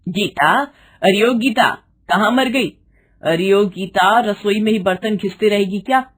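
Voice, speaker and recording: A cruel, bossy mother-in-law, put on by a woman narrator, barking orders and sneering in a husky voice. She turns sugary only to fool visitors, and the storybook delivery stays sharp and cold. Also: mid-range voice, a little slow. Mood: scolding. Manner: shouting, taunting, mock-sweet with guests. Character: harsh, scolding middle-aged mother-in-law.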